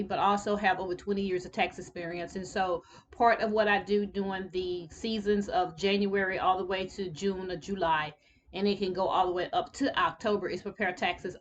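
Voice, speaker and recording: A woman's voice: medium pitch, a bit bright, highs cut off, a little hiss or hum. A woman in her fifties talking casually to camera, telling a personal story in an earnest, reflective way. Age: 50s. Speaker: tax preparer sharing life advice.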